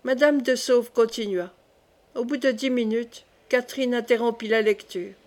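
A woman narrates a classic novel as an audiobook, measured and clear. Her voice sits a little high for a woman. She reads at an even, steady pace. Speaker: audiobook reader. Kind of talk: reading a classic novel aloud.

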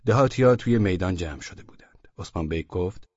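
Husky male audiobook narrator. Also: low voice, no room sound. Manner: steady storytelling. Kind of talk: scripted narration. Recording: dull, dry audio.

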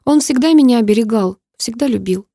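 A woman's voice: on the high side, animated, fairly quick, warm tone, breathy edge, no room sound, clean studio sound, pitched above the performer's own voice. A woman voicing a tearful teenage girl pleading with her parents, in a novel reading.

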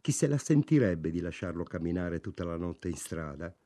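A man reading aloud and voicing a kindly, weary old grocer who speaks gently and mildly. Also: deep voice, expressive, normal speed, no room sound. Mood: gentle. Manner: gentle and mild.

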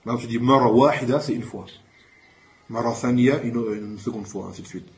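A man with a mid-range voice leads a classroom Arabic lesson in French; each new word gets called out louder, followed by a slow explanation.

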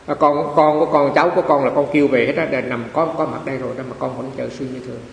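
A man's voice: medium pitch, steady tone, rapid-fire, vocal fry, recorded from a distance, natural voice. A man with a Southern Vietnamese accent voicing a frail, dying old man who speaks faintly in a sermon story. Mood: pleading. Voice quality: faint, whispery. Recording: echoey hall with faint hiss.

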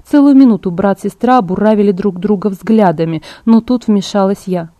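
A woman narrating an audiobook in a steady first-person storytelling manner. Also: mid-range voice, normal speed, dry recording. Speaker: audiobook reader.

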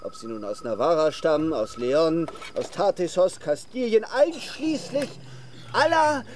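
A man's voice: fairly high pitch, animated, unhurried, a little mellow, a little hiss or hum. A man playing a boastful, lovesick, theatrically mournful knight in a radio play, declaiming pompously. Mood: lamenting. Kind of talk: German radio play acting.

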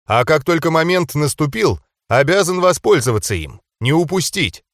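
For an audiobook, a man voices an earnest young character who speaks formally and seriously, pitching above his own natural voice. The delivery is a little high and bright with big pitch swings at normal speed, recorded cleanly in a studio with no room sound.

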